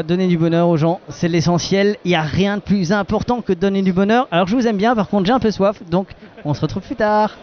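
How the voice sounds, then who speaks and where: Jokey high-voiced male festival interviewer. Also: darkish tone. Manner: jokey, teasing, halting with many fillers. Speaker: festival podcast host. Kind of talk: roving interview at an outdoor wine festival. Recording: muffled lo-fi recording.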